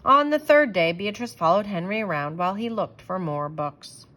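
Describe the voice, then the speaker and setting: A woman reading a children's storybook aloud as an expressive storyteller, with emphatic phrasing. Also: mid-range voice, normal speed.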